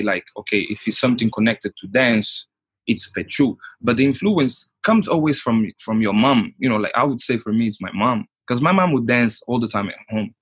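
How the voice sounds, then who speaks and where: A man, a guest in a casual interview, halting and restarting often as he talks. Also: mid-range voice, fairly bright tone, breathy edge, no echo. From Portugal. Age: 30s. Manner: halting, restarts often, many "you know, like".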